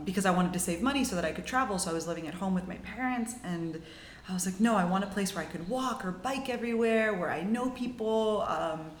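Guesting on a podcast, this woman from Mexico, in her twenties, shares a casual story in an upbeat, chatty way, packed with "like"s and restarts. Her voice is medium-pitched, the room echoes, and there's a little hiss or hum.

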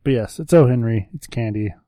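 A man's voice: medium pitch, fairly quick, warm tone, dry recording. A man co-hosting a casual snack-review podcast, joking and laughing often. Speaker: podcast co-host.

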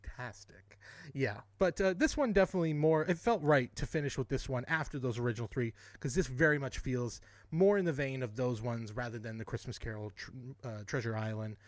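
A man's voice: medium pitch, fairly quick, dry recording. A man co-hosting a podcast in casual chat, rambling and correcting himself as he goes, often laughing. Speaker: podcast co-host.

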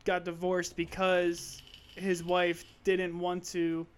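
A soft-spoken man joins a casual podcast chat as a guest, his voice smooth and resonant. He keeps to short replies and the odd question. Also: high voice, monotone, slow.

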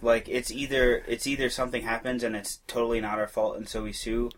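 A man's voice: mid-range voice, flat delivery, fairly quick. A young man in a casual group chat, ranting with frustration and swearing. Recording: distant mic with faint hiss.

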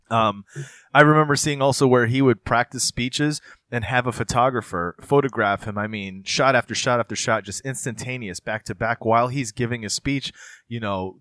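A man's voice: mid-range voice, moderate pace, fairly bright tone, dry recording. A man in his thirties in casual chat, telling long meandering stories and explanations. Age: 30s.

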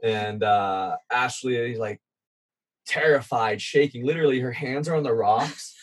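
A man's voice: mid-range voice, unhurried, husky. A man casually telling an adventure story as a guest, chatty and self-deprecating, with plenty of fillers. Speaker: guest content creator.

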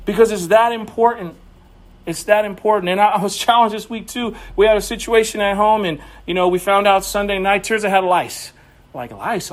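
A man with a high voice preaches to his congregation, talking earnestly and personally. He often stumbles and restarts as he tells his story. The sermon sounds like it was recorded in a church. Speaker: pastor.

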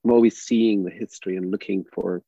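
Older Northern Irish man, gravelly voice. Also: sits low, steady tone, mellow, no room sound, dull audio. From Northern Ireland. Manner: thoughtful, halting, many restarts and fillers. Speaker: drama educator guest. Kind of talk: reflective interview talk.

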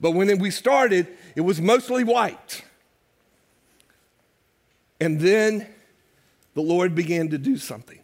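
An older man preaching a sermon as pastor to his church, conversational and joking with the congregation. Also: on the high side. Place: church sanctuary.

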